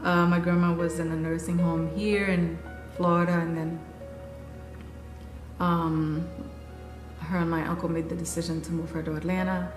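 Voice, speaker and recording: A woman in her forties from Haiti, earnestly recounting her life in an unhurried interview. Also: fairly low pitch, level tone. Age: 40s. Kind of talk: personal recollection. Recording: echoey room with music underneath. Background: music.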